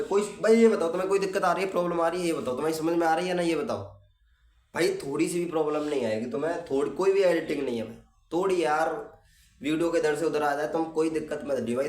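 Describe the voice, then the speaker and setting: A man's voice: fairly high pitch, fast talker, darkish tone. Teacher man in a roomy far-off room. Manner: talks students through steps, asks and answers his own questions. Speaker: maths teacher. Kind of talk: casual classroom explanation. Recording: roomy, mic at a distance.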